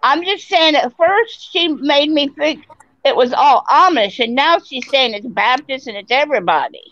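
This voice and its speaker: A woman with a high voice speaks through a phone that sounds dull and lo-fi. She questions and clarifies her point in a group chat. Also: lively intonation, normal speed, a bit bright.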